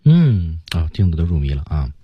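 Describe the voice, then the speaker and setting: A man's voice: low voice, big pitch swings, normal speed, husky, no room sound, lo-fi sound. A man teaching English reading on a radio lesson, explaining patiently and modelling lines.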